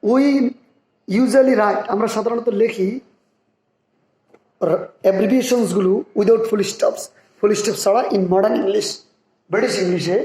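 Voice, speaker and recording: A man's voice: high voice, steady tone, unhurried, long pauses, dark tone. A man explaining English grammar rules step by step, reading example sentences aloud and repeating key terms. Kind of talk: explanatory lesson. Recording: echoey room.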